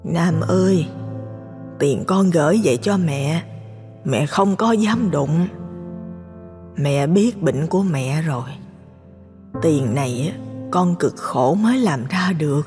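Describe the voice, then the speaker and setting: A man puts on the voice of a frail, sick old mother, pitched well above his own voice and drawn out very slowly. She speaks tenderly and pleadingly, as though reading a letter to her absent son. A long reverb trails each word, with faint music underneath. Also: animated, a little mellow.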